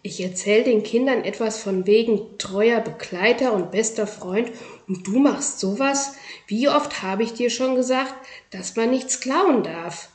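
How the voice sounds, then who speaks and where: A woman voicing a strict, gruff middle-aged male teacher in a read-aloud children's story, with a stern, barking manner. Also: a little high, unhurried, a little mellow, close to an everyday voice. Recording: roomy echo.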